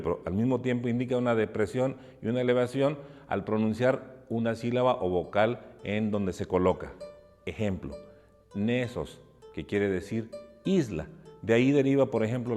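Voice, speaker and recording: A man giving a measured, explanatory lesson, working through examples one by one. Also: fairly low pitch, a little mellow. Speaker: teacher. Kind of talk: educational narration. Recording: long hall reverb.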